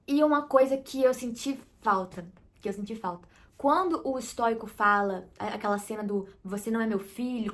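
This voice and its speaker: A woman's voice: fairly high pitch, a bit bright. A woman with a Brazilian Portuguese accent chatting casually and expressively as she reviews a film for her viewers.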